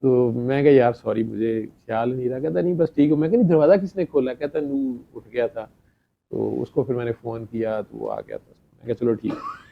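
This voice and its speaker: A middle-aged man tells a story to a gathering, chatty and anecdotal, acting out each line of dialogue. His voice is gravelly and sits at an ordinary pitch. The recording sounds dull and lo-fi. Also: sing-song, normal speed. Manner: anecdotal, chatty, quotes dialogue, laughs between lines. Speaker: speaker addressing a gathering. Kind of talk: storytelling talk.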